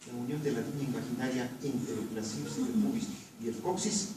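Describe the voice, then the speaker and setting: A man's voice: mid-range voice, fairly quick. A man teaching an embryology lab, quizzing students by repeating the same question again and again. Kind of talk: classroom lecture with questioning. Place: large echoey lab classroom. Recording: echoey classroom from far off, background noise.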